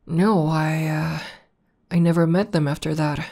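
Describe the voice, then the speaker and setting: Playing a bashful tomboy demoness warrior in full character voice, a woman talks to her partner in an intimate, one-sided ASMR roleplay. Her very low, slow voice holds a steady tone with vocal fry, and she sounds soft, hesitant, and deeply affectionate. The mood is calm and reminiscing.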